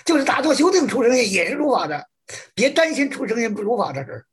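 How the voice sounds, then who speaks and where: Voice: medium pitch, big pitch swings, fast talker, slightly rough. A Buddhist practice teacher, answering questions in plain, reassuring words and repeating key points. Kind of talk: colloquial Q&A answers.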